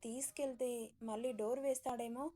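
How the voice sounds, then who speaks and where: A woman's voice: fairly high pitch, steady tone, moderate pace, natural voice. A woman voicing a timid, anxious young bride who speaks meekly and hesitantly. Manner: meek, hesitant, soft-spoken.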